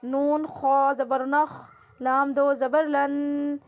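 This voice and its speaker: Brief: female Quran teacher with a Pakistani Urdu accent, high and level voice, drawn-out spelling drills. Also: flat delivery. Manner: slow drawn-out syllables, brisk asides.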